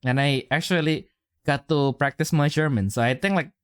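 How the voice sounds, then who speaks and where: A man's voice: on the high side, moderate pace, clear, resonant tone, no echo, studio quality. A young man with an Indonesian accent chatting casually as a podcast co-host, rambling through fillers and restarts. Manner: rambling, many fillers and restarts, chuckles often.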